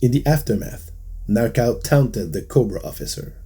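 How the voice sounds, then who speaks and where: A man whose first language is not English, narrating a tabletop game session recap as game master, in a measured storytelling manner. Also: mid-range voice, expressive, dark tone, husky.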